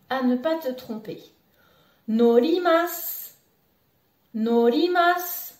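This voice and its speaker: Woman teacher, high voice, slow patient delivery, echoey room, mic a bit far. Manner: slow, patient, repeats words for the learner. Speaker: Japanese language teacher. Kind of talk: beginner language lesson. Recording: roomy echo, voice a bit off-mic.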